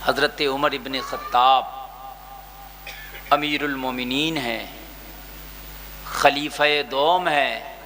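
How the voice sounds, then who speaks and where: A man preaching an emotional sermon, dropping to a hush and then shouting, with sighing cries in between. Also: mid-range voice, fairly even intonation, pauses often. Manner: swings from hushed to shouting, sighs and wails. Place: gathering with a live crowd.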